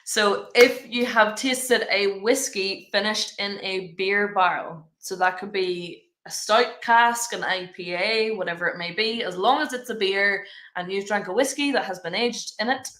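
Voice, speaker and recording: A woman with a bright, forceful voice calls bingo in an echoey room. She reads out the numbers as a bingo caller, explains them, and adds dry, sarcastic asides in a conversational way. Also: medium pitch, unhurried, hardly any pauses. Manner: wry, sarcastic banter. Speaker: bingo caller and co-host of a live online game. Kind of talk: bingo calling with explanations and casual banter.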